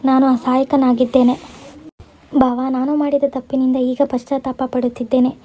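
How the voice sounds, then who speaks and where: A woman's voice: high voice, little pitch movement, moderate pace, mellow. Sorrowful young woman, as a woman narrator reads her. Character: grieving young woman, sister-in-law.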